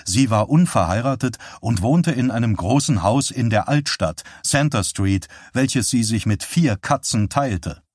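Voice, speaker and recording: A man narrating an audiobook in a calm, even reading voice. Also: mid-range voice, a little slow, few pauses, breathy edge, dry recording, studio quality. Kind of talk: scripted narration.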